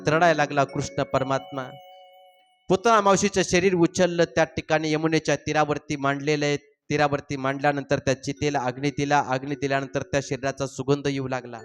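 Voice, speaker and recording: Male preacher, Marathi accent, fairly high voice, dramatic storyteller voicing characters, faint music underneath. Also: flat delivery, normal speed. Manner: dramatic, acts out characters' cries and dialogue. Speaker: kirtan preacher telling Bhagavata story. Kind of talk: devotional storytelling sermon.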